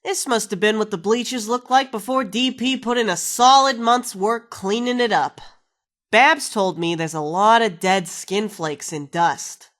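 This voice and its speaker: A woman's voice: mid-range voice, a little slow, a bit bright, close to an everyday voice. An actress playing a wisecracking, foul-mouthed woman companion in a video game, sarcastic and slangy. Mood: sardonic.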